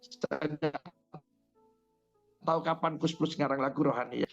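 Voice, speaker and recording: A man's voice: on the high side, fairly even intonation, a little slow, gravelly, a bit bright, faint music behind. A male pastor preaching a sermon, telling stories and speaking directly to his congregation. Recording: dull lo-fi sermon recording.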